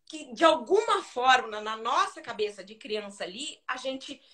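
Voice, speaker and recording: A Brazilian woman, a singer guest on a live stream, telling a childhood story with dramatic, animated retelling. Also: high voice, normal speed.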